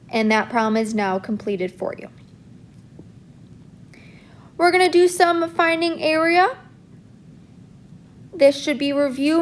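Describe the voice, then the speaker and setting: High-voiced woman teaching math step by step. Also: a little hiss or hum. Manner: steady, step-by-step explaining while writing. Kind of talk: recorded math lesson walkthrough.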